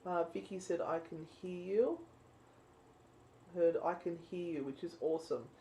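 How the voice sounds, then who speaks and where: A woman's voice: lowish voice, measured pace, warm tone, slight background noise, rough recording. A woman co-hosting a live paranormal stream, chatting casually and explaining things to viewers. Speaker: co-host of a live spirit box stream.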